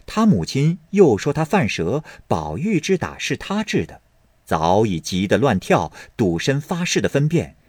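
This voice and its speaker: A man narrating a classic novel as an expressive, dramatic audiobook storyteller. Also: medium pitch, measured pace, no room sound.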